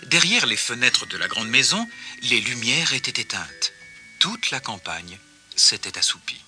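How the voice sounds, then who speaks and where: Bright, lively male storyteller. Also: mid-range voice, a little slow, faint music behind. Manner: expressive, gently paced narration. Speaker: narrator. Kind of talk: children's storybook reading.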